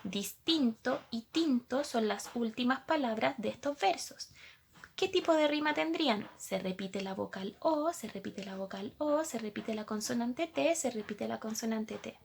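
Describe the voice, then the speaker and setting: A woman's voice: on the high side, expressive, moderate pace, gravelly, slight background noise. A woman teacher, patiently explaining a lesson to young pupils and asking them questions as she goes.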